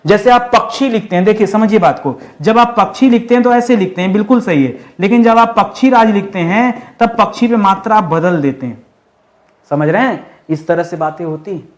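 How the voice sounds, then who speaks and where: High-voiced teacher drilling spelling. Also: male voice, animated, a little fast. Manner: repeats questions to the class and answers them himself; addresses students as friends, firm corrective tone. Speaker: Hindi teacher. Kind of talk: online exam-prep lesson.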